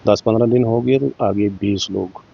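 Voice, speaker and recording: A man's voice: on the low side, fairly even intonation, normal speed, gravelly, breathy edge. A middle-aged man from Jammu and Kashmir, giving an interview and telling his own story in earnest, acting out the dialogue with small shifts in his voice. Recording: muffled, dull dry recording.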